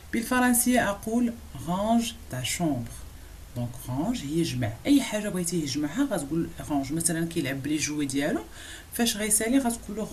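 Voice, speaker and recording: A woman with a Moroccan accent teaching French phrases, saying each one slowly and repeating it before a quick explanation. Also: on the low side, slight background noise. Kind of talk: language lesson explaining phrases.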